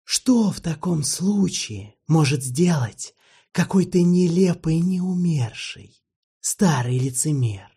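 A man puts on an old vampire for a dark fantasy audiobook: higher and softer than the narration, nearly a whisper at times, drawing out each ornate, courtly phrase. The mellow, husky tone suits his gentle, sorrowful irony. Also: lively intonation, exaggerated voice. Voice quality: soft, half-whispered, drawn-out. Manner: slow, ornate, mournfully polite. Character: ancient weary male vampire, courtly, gently ironic.

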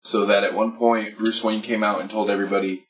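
A man's voice: on the low side, flat delivery, brisk, far from the mic, rough recording. A man co-hosting a podcast, rambling and swearing as he explains comic history at length. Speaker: podcast co-host. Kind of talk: casual drunk chat about comics.

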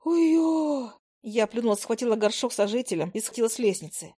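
A woman narrates a first-person fantasy audiobook in a lively, expressive reading. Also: fairly high pitch, fast.

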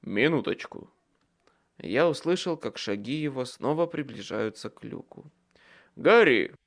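A man's voice: medium pitch, lively intonation, normal speed. A man reading a first-person audiobook with tense, dramatic storytelling. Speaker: audiobook narrator.

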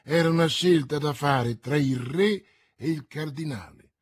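A man narrates a swashbuckling classic with theatrical relish, building with the swordplay. His voice is husky and rather high, and he reads at a slow, deliberate pace. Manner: theatrical, unhurried, swelling with the action. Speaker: audiobook narrator. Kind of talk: dramatic audiobook reading.

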